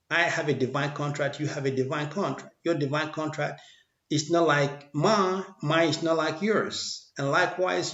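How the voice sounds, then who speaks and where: A man's voice: fairly high pitch, a bit bright. A man giving a rambling motivational monologue, often repeating his phrases in a preachy way. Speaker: motivational speaker. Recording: echoey room, dull lo-fi sound.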